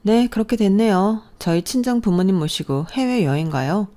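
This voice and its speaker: Woman putting on a condescending sister-in-law, mocking, raised pitch, warm timbre. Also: moderate pace, lightly acted. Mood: snooty. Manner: sneering, condescending.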